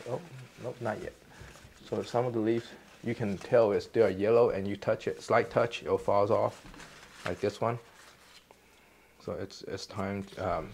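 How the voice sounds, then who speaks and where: A man hosting a casual tour of his basement greenhouse, explaining plants in a relaxed, rambling way full of restarts and fillers. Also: on the low side, gravelly, slight background noise. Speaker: gardening channel host. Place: indoor basement greenhouse under grow lights.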